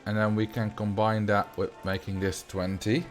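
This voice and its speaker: Faint music sits under this livestream, where a Dutch streamer from the Netherlands comments casually on his game and replies to chat. He has a mild Dutch accent and a lowish voice, speaking at normal speed in a level tone.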